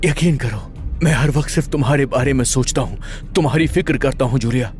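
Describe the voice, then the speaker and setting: A man dubbing a horror film role, playing an unstable, obsessive male killer who pleads softly and breaks into anguished cries. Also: medium pitch, fast, soft background music, lightly acted. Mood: pleading devotion. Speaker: dubbing actor. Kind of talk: Hindi-dubbed horror film acting.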